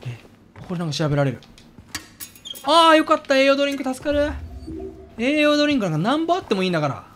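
A man's voice: very high-pitched, big pitch swings, fast talker, pauses often, fairly bright tone. A man giving jumpy let's play commentary, yelping and squealing whenever something scares him. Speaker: game streamer. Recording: voice over game music.

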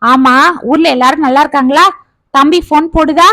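A woman's voice: high voice, steady tone, moderate pace, pushed and bright, no room sound. A woman storyteller voicing a caring middle-aged village sister who fusses over her ailing brother. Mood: fussing.

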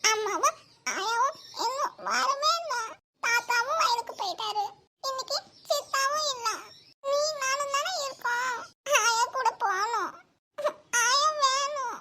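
A woman's voice: extremely high pitch, measured pace, pauses often, background noise. A woman voicing a small, weepy little girl in a cartoon, whining and tearful. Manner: whiny and tearful. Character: small weepy girl missing her grandmother. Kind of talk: cartoon voice acting.

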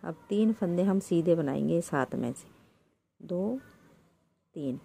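A woman's voice: fairly low pitch, expressive, slow pace, vocal fry, mellow, slightly rough. A woman hosting a knitting tutorial, explaining each step patiently, counting stitches aloud, and addressing viewers as friend. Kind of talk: step-by-step craft instruction.

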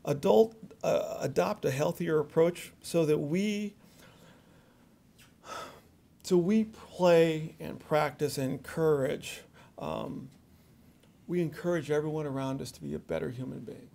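A middle-aged man with a high, gravelly voice speaks to a reception crowd. He jokes at his own expense, repeats and restarts his words, and talks with easy conviction. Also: unhurried, dark tone. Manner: joking, self-deprecating, repeats words. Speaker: award speaker. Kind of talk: speech at a reception. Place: reception hall with audience.

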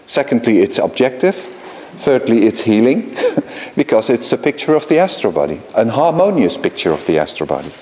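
A man's voice: medium pitch, big pitch swings, warm tone. Man lecturing in a reverberant hall. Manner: halting, with frequent restarts and repeated words; explains patiently, checks in with the audience. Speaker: keynote lecturer. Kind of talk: live conference lecture. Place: conference hall.

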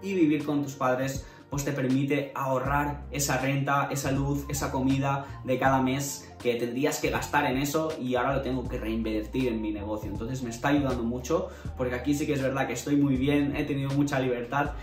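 A man's voice: medium pitch, flat delivery, brisk, distant mic. A man in his twenties from Spain talks loosely to the camera, tagging questions onto his sentences. His voice sits a little back from the mic in a roomy bedroom. Faint music plays behind him. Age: 20s. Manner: conversational, many fillers and tag questions. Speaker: vlogger. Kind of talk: casual talk to camera. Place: bedroom indoors. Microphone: camera at desk distance.

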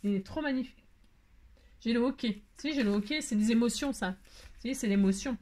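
Opening her mail on camera, a woman craft vlogger talks a little fast in a mellow, fairly high voice. Her casual chat with viewers is gushing and effusive; she repeats exclamations and frequently trails off before starting over.

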